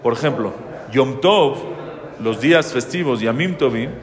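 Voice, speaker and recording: A man's voice: mid-range voice, animated, a little slow, crowd noise. A man, a rabbi, teaching a Torah lesson to a live audience, reading Hebrew verses and translating them, often asking and answering his own questions. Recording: reverberant hall.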